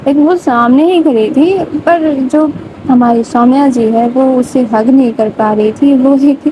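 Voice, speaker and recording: A young woman retelling a love story in a loose, chatty way, full of casual fillers. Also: high-pitched. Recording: dull lo-fi audio with faint noise.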